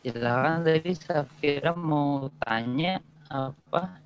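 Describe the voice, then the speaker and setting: Man, lecturer, online call audio cutting in and out, slow deliberate talk, dull lo-fi sound. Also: fairly high pitch, slight background noise. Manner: unhurried, thinking aloud with fillers. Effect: call audio breaking up. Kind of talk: online class teaching. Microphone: video call.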